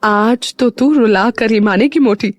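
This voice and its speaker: A fond, teasing older brother, played by a woman in a voice close to her own. The tone is fairly bright and the sound is dry and close. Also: on the high side, lively intonation, moderate pace, dry recording, natural voice. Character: teasing protective older brother, young man.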